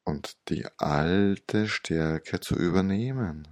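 In a soothing, hypnotic manner reminiscent of an old sage, a man narrates a guided meditation story, leaving long pauses. His voice sits low and sounds gravelly, breathy and somewhat dark. The studio-quality audio carries no room sound.

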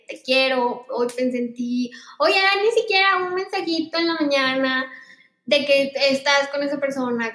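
High-voiced woman, echoey podcast. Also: fairly bright tone. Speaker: podcast co-host. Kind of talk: casual relationship chat. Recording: echoey room.

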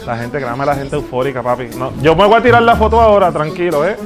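Brief: a man as a vain Puerto Rican fake pop star, high voice, pushy street prank. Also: fast, over music, lightly acted. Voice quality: boastful, pushy, calls everyone papi. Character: male self-important fake famous Puerto Rican singer. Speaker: prank show host. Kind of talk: hidden-camera prank.

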